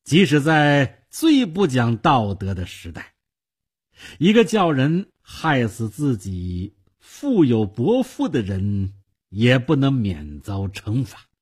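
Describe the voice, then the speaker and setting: Man reading as sly older rich uncle, husky and unhurried, calm persuasive manner. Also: medium pitch, full character voice. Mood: calm scheming. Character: shrewd older wealthy male uncle, calm and scheming.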